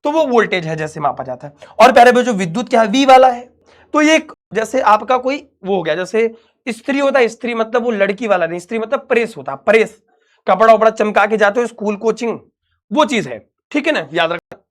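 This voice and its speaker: A man's voice: high-pitched, lively intonation, brisk. A young man, teaching an online physics class in a chatty, reassuring way and calling the students his dear children.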